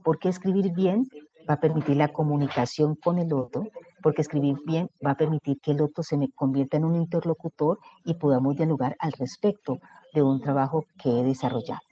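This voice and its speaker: Mellow-voiced lecturer, lo-fi. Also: male voice, fairly high pitch, fairly even intonation, brisk. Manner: explanatory, asks the audience questions. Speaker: workshop instructor. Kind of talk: lecture to a workshop audience. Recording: dull lo-fi recording.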